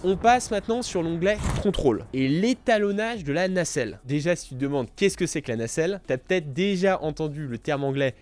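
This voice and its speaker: A man's voice: a little high, animated, fairly quick, few pauses, darkish tone. A man hosting a drone tutorial, explaining settings in a friendly, informal way to the viewer. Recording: faint background music.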